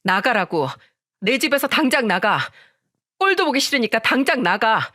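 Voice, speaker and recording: A woman voicing a wronged wife who shouts and pleads in a narrated story. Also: fairly high pitch, expressive, normal speed, no room sound, clean studio sound, pitched above the performer's own voice. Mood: furious. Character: wronged wife, furious and tearful.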